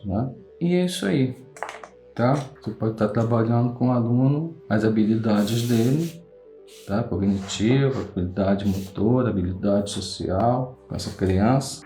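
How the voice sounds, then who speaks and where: On the low side and warm, a Brazilian-accented man guides listeners through a classroom craft game one step at a time as a craft tutorial host. He patiently checks in with them after almost every phrase. The sound carries a roomy echo with faint background music.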